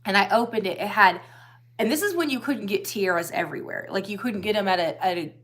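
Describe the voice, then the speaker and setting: A woman's voice: medium pitch, quick pace, fairly bright tone. A woman co-hosting a casual livestream chat, telling rambling stories with a slightly wheezy, scratchy voice. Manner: rambling storyteller, many restarts. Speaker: livestream co-host.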